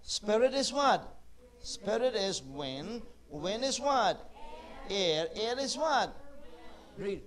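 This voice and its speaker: A middle-aged man with a notably high voice leads a children's Bible class. He asks the same question again and again, coaxing the children to answer, in heavily accented non-native English. He talks slowly and takes his time. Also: big pitch swings, fairly bright tone.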